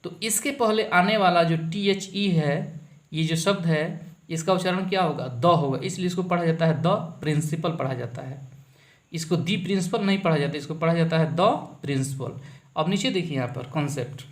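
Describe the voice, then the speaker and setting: A man's voice: fairly high pitch, normal speed, roomy sound. A man teaching an English grammar lesson, asking a question and then answering it himself, often repeating the key words.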